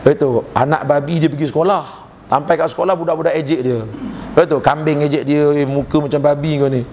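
A male preacher with a Malaysian Malay accent delivers an animated sermon, quizzing the congregation with questions and jokes. His fairly high voice carries a gravelly edge. It rings with long reverb in a prayer hall, with a faint hum underneath. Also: fairly quick. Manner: animated, jokey storytelling lecturer. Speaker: religious preacher. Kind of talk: sermon with rhetorical questions to the audience.

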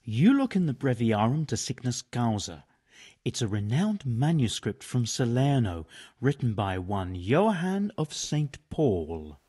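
A scholarly monk in a medieval game. His husky voice is mid-pitched and lively in its swings, with precise, dry, bookish delivery. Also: a little slow. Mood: studious. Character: learned, matter-of-fact medieval monk physician. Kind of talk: video game dialogue acting.

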